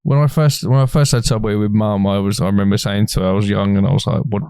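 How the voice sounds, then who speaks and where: A young man chatting as a podcast co-host. He is laid-back, laughs easily and swears casually. His voice sits fairly low and is recorded close and dry. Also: steady tone, fast, vocal fry, darkish tone, clean tone, no echo. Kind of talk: casual chat.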